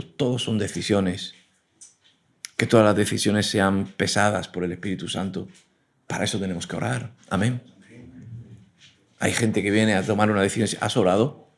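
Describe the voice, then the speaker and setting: Earnest male preacher, low voice, sermon with frequent amens. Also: steady tone, moderate pace, gravelly, long pauses. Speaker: preacher and teacher.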